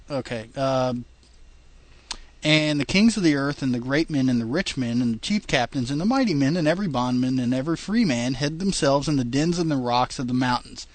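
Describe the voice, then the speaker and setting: Heard in a dry recording, a man with a mid-range voice co-hosts a relaxed podcast. He works through long scripture passages with stumbles, laughing at the wording and chatting between them.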